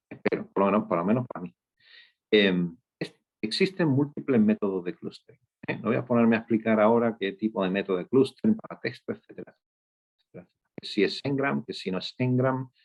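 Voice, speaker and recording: A man teaching a screen-share coding lesson, explaining step by step and checking in with his listeners after nearly every point. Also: on the low side. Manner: explanatory, frequent "¿eh?" and "¿ok?" check-ins. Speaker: data instructor. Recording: dull lo-fi sound.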